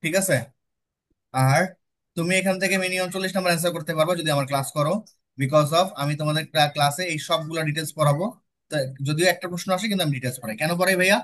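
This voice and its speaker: A young man with a Bangladeshi accent tutors students very fast in a slightly high, somewhat bright voice. In this classroom lecture with student questions, he explains step by step and checks in with them often.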